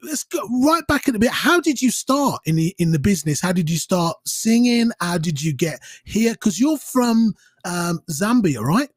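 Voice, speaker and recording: A man's voice: high-pitched, very animated, normal speed, slightly rough, no echo. A man hosting an interview, chatting eagerly and often restarting his sentences. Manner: enthusiastic, stammering restarts. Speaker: host. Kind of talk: casual interview. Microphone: headset and studio mic.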